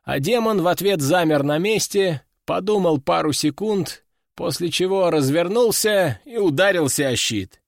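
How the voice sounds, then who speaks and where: A man narrating a first-person audiobook in a lively storytelling manner, close to the mic. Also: sits high, normal speed, creaky, no room sound.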